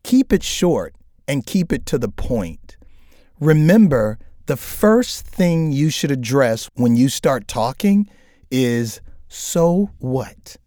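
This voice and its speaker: A man co-hosting a career advice podcast, telling stories in an animated way and acting out exasperated listeners. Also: mid-range voice, slow, no room sound, clean studio sound. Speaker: co-host.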